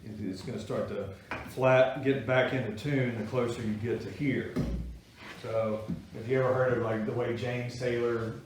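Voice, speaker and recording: In a steady tone at a moderate pace, the guitar-making teacher chats folksily with his small class. His voice is mid-range. The mic sits far away in the echoey workshop room, picking up slight background noise.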